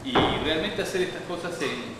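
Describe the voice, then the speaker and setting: A man's voice: fairly high pitch, expressive, normal speed. A man giving a public science lecture, talking in a digressive way with many restarts and fillers. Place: lecture hall. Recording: distant, echoey hall, background noise.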